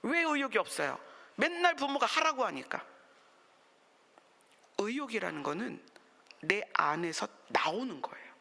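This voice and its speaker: Woman pastor, bright tone with fry, chatty sermon delivery, leans on rhetorical questions and whispered asides. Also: medium pitch, sing-song, measured pace, long pauses, big-room sound. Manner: conversational preaching with rhetorical questions, dropping to whispers. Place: church sanctuary.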